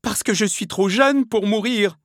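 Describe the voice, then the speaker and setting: A man voicing a cornered young noblewoman villain, shrill and pleading in a storybook reading. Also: normal speed, breathy edge, dry recording, studio quality, close to an everyday voice. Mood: desperate pleading.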